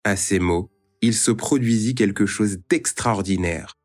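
Low-voiced man reading a children's tale. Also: unhurried. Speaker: storyteller. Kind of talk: children's story narration. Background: faint music.

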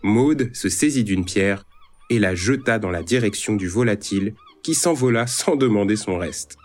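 Low-voiced man reading a children's tale. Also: expressive, normal speed. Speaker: storyteller. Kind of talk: children's story narration. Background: faint music.

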